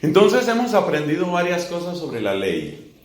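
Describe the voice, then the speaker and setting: A man preaching as a friar in a teaching sermon, building slow emphatic lists and asking rhetorical questions. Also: on the high side, big pitch swings. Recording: echoey room.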